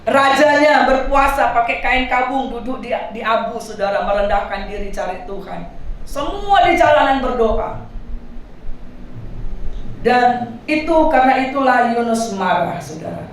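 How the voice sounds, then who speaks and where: A woman pastor with a Medan accent, preaching a sermon in an animated way and calling for answers from the congregation. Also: fairly high pitch, measured pace, slight background noise. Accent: Medan Indonesian. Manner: animated preaching with call-and-response. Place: church hall. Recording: echoey church hall from far off.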